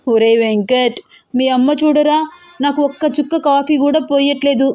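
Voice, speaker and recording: A woman's voice: fairly high pitch, moderate pace, a little mellow, close to an everyday voice. A woman voicing a cranky, toothless old grandmother in a hospital bed who nags and scolds her family. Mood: complaining. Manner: scolding, whining, nagging.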